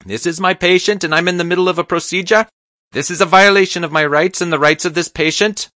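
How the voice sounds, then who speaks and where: A man voicing a panicked male doctor with a foreign accent, in a shrill, screaming voice. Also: fairly even intonation, fast, sharp tone, no echo, studio quality. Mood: frantic. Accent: foreign accent, unplaced.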